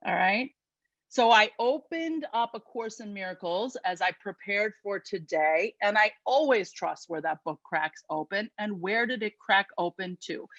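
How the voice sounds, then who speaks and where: A woman with a Chicago accent giving an inspirational talk as guest speaker at an online spiritual service, lively and conversational with quick asides. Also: medium pitch, dry recording, muffled recording. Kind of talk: inspirational sermon.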